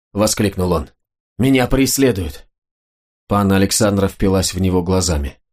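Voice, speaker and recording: A man narrating a historical novel as an audiobook, measured and expressive. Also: lowish voice.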